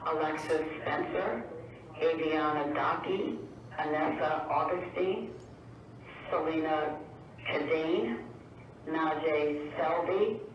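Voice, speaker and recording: School office man over the intercom: formal, reads names steadily, muffled and far off, echoing with room noise. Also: fairly high pitch. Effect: school intercom loudspeaker. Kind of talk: formal PA announcement. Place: classroom, heard through the loudspeaker. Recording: distant, echoey, muffled intercom with background noise.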